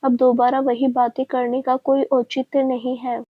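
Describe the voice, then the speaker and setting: A woman reading the lines of a hurt, defiant young woman in a family story, with a husky voice. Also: high voice, flat delivery, a little slow, no room sound. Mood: bitter. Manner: bitter, defiant. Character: hurt, bitter young woman cutting off a friend. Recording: dry, dull lo-fi sound.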